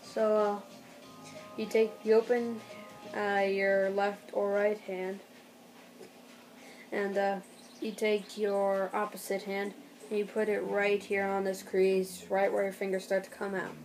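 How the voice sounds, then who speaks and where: Slow, flat-voiced young woman, halting delivery. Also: mid-range voice, soft background music. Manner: halting, rambling delivery with throat clearing. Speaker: amateur tutorial host. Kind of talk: casual home tutorial. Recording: noticeable background noise, amateur home recording.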